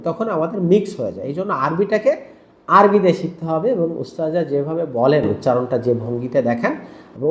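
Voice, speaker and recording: A man's voice: fairly high pitch, a little mellow. A man teaching Quran pronunciation, patiently explaining letters and often checking that viewers follow. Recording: roomy echo.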